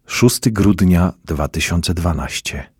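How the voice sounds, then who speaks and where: A man reading a devotional story aloud in a measured, expressive way. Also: low voice. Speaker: reader of daily devotional stories.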